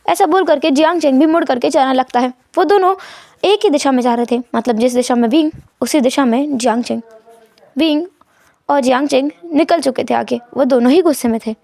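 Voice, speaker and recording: A woman's voice: high-pitched, fairly quick, a little mellow, no room sound. A woman narrating a fan fiction story and acting out the quarrelling characters' dialogue herself.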